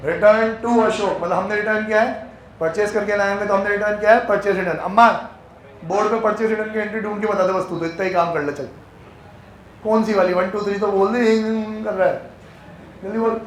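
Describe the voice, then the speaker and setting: A man teaching an accounts class, joking with his students and reading the questions out slowly. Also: high voice, slight background noise. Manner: teasing, banters with students, reads questions slowly. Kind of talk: classroom lecture. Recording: echoey classroom.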